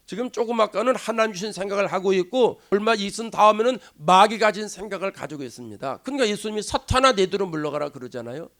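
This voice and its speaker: A male pastor delivering a sermon at a church, acting out quoted speech and dropping to near whispers for emphasis. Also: high voice. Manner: animated preaching, acts out quoted voices, drops to a hush. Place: church sanctuary.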